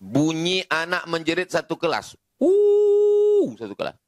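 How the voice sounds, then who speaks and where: A man's voice: mid-range voice, normal speed, no echo. A middle-aged man preaching a sermon, telling stories animatedly and acting out the voices of the people he quotes. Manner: animated storytelling, acting out quoted voices, rising to near-shouts.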